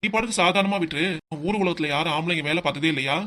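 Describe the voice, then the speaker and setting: A performer voicing a calm older husband in a cartoon comedy, with a southern Tamil accent and a soothing, placating way of talking. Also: mid-range voice, fast, a little hiss or hum, close to an everyday voice. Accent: southern Tamil, Tirunelveli.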